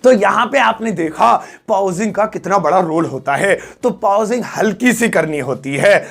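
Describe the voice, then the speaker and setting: This male spoken-English teacher has an Indian accent and a high-pitched, gravelly voice that sounds animated and a bit bright. He chats and jokes through the online lesson, explaining things slowly with plenty of fillers.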